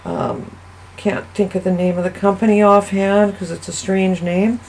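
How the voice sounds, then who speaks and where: A woman narrates her own craft video in a relaxed, chatty voice-over. She thinks aloud and wanders off on tangents. Her voice sits at a middling pitch, with a light background hiss. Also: normal speed, rough recording. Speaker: soap maker and channel host.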